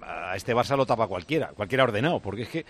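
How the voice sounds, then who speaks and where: A man hosting a radio football talk show, quick and conversational, prompting his panel. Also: on the low side, expressive, husky.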